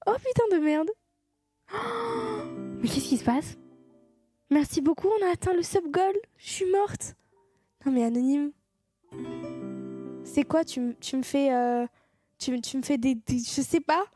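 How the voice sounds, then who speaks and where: A woman's voice: sits high, moderate pace, pauses often, music in the background. A young woman streamer chatting casually with her viewers, swearing freely and thanking them as she goes. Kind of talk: casual live-stream chat.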